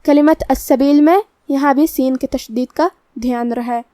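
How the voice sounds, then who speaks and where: A woman teaching the rules of Quran recitation, explaining each rule calmly and methodically and reciting the verses slowly. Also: high-pitched, no echo, clean studio sound. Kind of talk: tajweed lesson, explaining rules.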